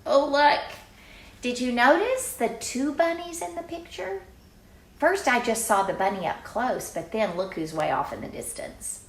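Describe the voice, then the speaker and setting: With a slightly high voice and lively intonation, an older woman reads a picture book to kids in a relaxed way. She drops in chatty exclamations and drags out words for emphasis, and the sound is reverberant.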